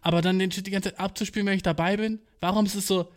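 Young man, twenties, high voice, casual rambling monologue, slangy, swearing, filler words. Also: steady tone, very fast. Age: 20s. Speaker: podcast host.

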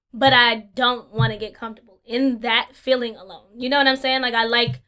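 A woman's voice: a little high, fairly even intonation, moderate pace, bright, forceful tone. A woman co-hosting a podcast, chatting casually with many fillers and laughs. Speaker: podcast co-host. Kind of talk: casual chat.

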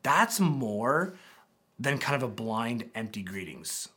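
A man preaching a sermon as pastor to his church, animated with dramatic pauses and scripture reading. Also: mid-range voice, breathy edge. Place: church auditorium with congregation.

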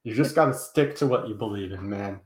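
A man's voice: fairly low pitch, fairly quick. A man chatting as a guest on a casual fantasy football podcast, frank and self-deprecating about his takes. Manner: frank, self-deprecating, talks up strong opinions. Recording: echoey room sound.

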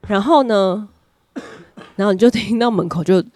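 A woman co-hosts a casual podcast, telling a story with lively energy and laughing often as she goes. The sound is close and dry, in a quiet room with no echo. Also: mid-range voice, moderate pace. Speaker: podcast co-host. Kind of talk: casual chat, personal storytelling.

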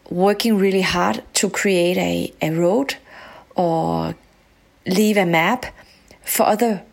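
A woman from Morocco raised in Denmark, telling her personal story on a podcast in a halting, reflective way. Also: on the low side, gravelly.

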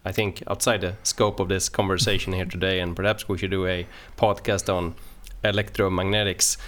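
A man with a lowish voice hosts a technical podcast. He talks carefully and haltingly, building long-winded questions and qualifications as he goes. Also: flat delivery, fairly bright tone. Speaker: podcast host.

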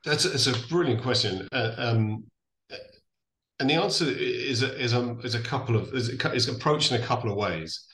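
An Irish man from Donegal explaining things in a conversational interview, thoughtful and halting, often restarting and correcting himself. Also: medium pitch, fairly bright tone. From Donegal, Ireland. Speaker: interview guest, distillery founder. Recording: echoey room sound.

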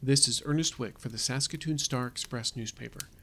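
A man voicing a newspaper reporter who closes the story in a formal, measured, solemn manner. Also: mid-range voice, a bit bright. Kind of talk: scripted narration in audio drama.

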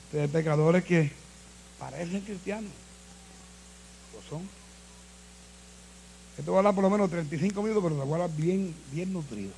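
A man preaching a sermon as pastor, switching between low, quiet passages and shouted calls to the congregation. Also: moderate pace, vocal fry, long pauses, slight background noise.

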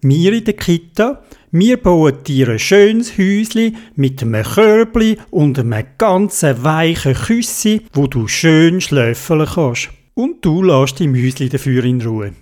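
A woman's voice: low voice, lively intonation, unhurried, a little mellow. A woman voicing a friendly, brave little boy with a Swiss German accent, kind and curious.

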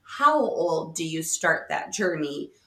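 A woman's voice: low-pitched, slow pace. A middle-aged woman chatting casually as a podcast co-host, telling stories and laughing often. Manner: animated storyteller, laughs often, acts out quotes. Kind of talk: casual chat. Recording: roomy echo.

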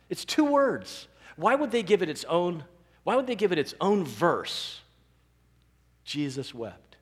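Man preaching in a reverberant hall. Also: mid-range voice. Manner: animated, rising to emphatic peaks. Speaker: pastor. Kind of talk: sermon. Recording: long reverb of a large hall.

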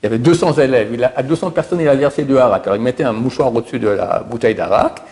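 A middle-aged storyteller casually retells religious miracle stories, speaking haltingly and often stumbling, repeating and restarting words. His voice is mid-range with a darkish tone.

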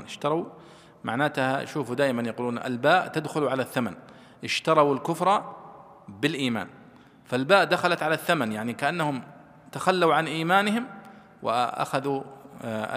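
A man's voice: medium pitch, lively intonation. A man, a scholar explaining a classical commentary to students and stretching out the verses he quotes. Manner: measured, stretches quoted verses slowly and loudly. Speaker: Islamic scholar teaching tafsir. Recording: long reverb of a hall.

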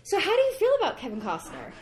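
A woman's voice: sits high, wildly swooping pitch, fast, a little mellow. Blunt, opinionated woman co-host. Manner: opinionated, blunt, laughs easily. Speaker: podcast co-host. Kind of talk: casual chat.

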